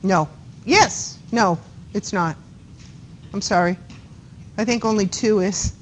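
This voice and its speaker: A woman's voice: mid-range voice, slow pace, a little hiss or hum, rough recording. A woman with a Boston accent giving a classroom anatomy lecture, chatty and often checking in with students by asking them questions. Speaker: anatomy instructor.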